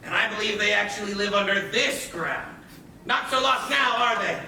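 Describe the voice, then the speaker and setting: A man's voice: high-pitched, moderate pace, pushed and bright, heavily acted. An actor playing an eager, fawning male pirate sidekick on a live stage. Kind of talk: stage play acting. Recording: echoey stage recorded from far off, with noise.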